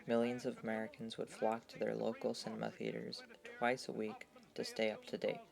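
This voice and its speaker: A man reading scripted documentary narration in a measured, even, gravelly voice. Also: lowish voice.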